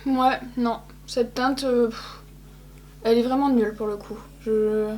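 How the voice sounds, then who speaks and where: A young woman chats her way through a makeup tutorial, speaking straight to her viewers and teasing herself. Her voice sits a little high. A faint hum runs under the recording. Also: steady tone, measured pace, a little mellow. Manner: chatty, self-mocking, addresses viewers directly. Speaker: beauty vlogger. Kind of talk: casual makeup tutorial talk.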